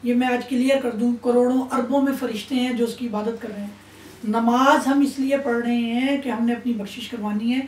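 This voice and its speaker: A woman's voice: on the high side, a little mellow. A woman giving an Islamic sermon in a stern, admonishing tone. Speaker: religious speaker. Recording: roomy echo, distant mic.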